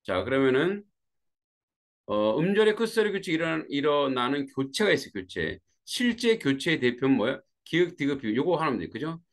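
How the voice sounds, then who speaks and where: A male teacher walks his students through a grammar lesson, his voice rising and falling as he explains. He checks in with the class after each point and stays conversational. He is teaching from a warm room with a fan. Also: fairly high pitch, very animated, brisk. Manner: greets students by name as they join.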